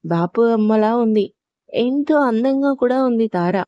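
A woman storyteller giving scripted narration of an audio love story, reading in a steady, gentle way. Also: on the high side, unhurried, no room sound, dull audio.

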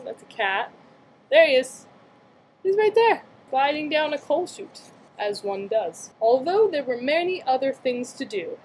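As an aunt sharing a picture book with young relatives, this young woman turns storytime into a playful chat full of questions and exclamations. Her pitch is a little high. The recording, from a webcam mic at arm's length, is rough with slight background noise.

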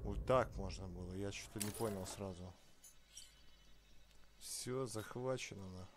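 A man's voice: sits low, a little slow, background noise. A man giving casual, muttered gameplay commentary, puzzled and swearing heavily. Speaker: gamer commentating a playthrough. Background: loud game music.

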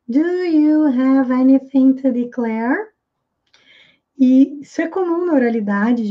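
A Brazilian Portuguese-speaking woman teaching English pronunciation, slowly and carefully repeating English phrases. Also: high-pitched, narrow, tinny audio. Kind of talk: explaining pronunciation in a video lesson.

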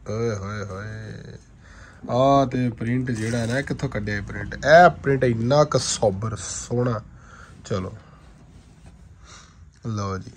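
Dramatic salesman, noisy recording. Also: medium pitch. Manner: dramatic, effusive, full of drawn-out exclamations. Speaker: shop seller presenting suit fabrics. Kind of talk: informal live-style sales patter. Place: indoor fabric shop with tiled floor. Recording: clearly noisy shop-floor phone recording.

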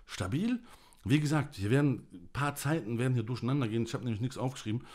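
A man's voice: medium pitch, expressive, fast, a little mellow. A man delivering an angry, emotional monologue to camera, ranting in blunt, coarse language. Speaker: vlogger.

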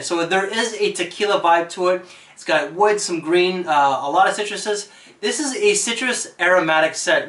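A man's voice: high voice, pushed and bright, reverberant. A man casually reviewing fragrances for his channel, chatty and enthusiastic, with frequent fillers.

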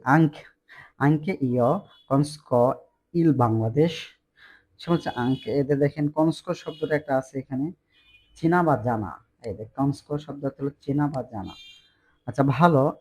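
A man teaching phrases by explaining each line, slow and repetitive with frequent fillers and self-corrections. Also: mid-range voice, darkish tone, breathy edge. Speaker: language teacher. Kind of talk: explaining dialogue lines.

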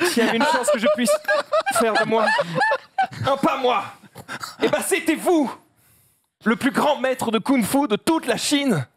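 A man's voice: extremely high pitch, lively intonation, normal speed, a little hiss or hum. A man voicing a big, insecure, defiant young panda in an emotional amateur cartoon dub. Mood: desperate. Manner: emotional, exclamatory. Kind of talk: amateur dubbing of animated film.

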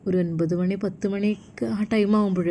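A woman voicing a helpful young man, a younger brother, speaking in a lowered, matter-of-fact way. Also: fairly even intonation, moderate pace, warm tone, slight background noise, close to an everyday voice. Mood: explaining.

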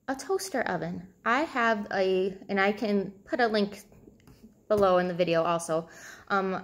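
This woman in her thirties has a mid-range, slightly bright voice. She's a fitness and nutrition coach offering casual, think-as-she-goes advice to camera while sitting at a table in a small room indoors at home.

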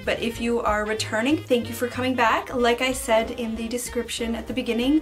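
Chatty woman hosting a craft tutorial, music behind. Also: a little high. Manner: chatty, informal. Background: background music.

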